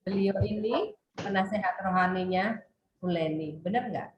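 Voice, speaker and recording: A woman's voice: medium pitch, moderate pace. A woman leading an online writing workshop, asking questions and explaining how a sentence can be read. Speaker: writing trainer. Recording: echoey room, faint noise.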